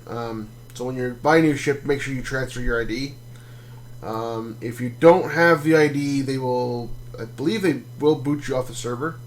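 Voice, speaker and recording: A man streaming a space game, explaining things casually with lots of ums and restarts. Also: medium pitch. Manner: relaxed, rambling explanations with many fillers. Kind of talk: casual gameplay commentary.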